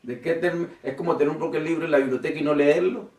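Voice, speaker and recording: A man preaching a sermon and addressing the congregation as brothers and sisters, swinging between emphatic, rising swells and quiet drops. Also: fairly high pitch, fast talker, reverberant, recorded from a distance. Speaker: pastor.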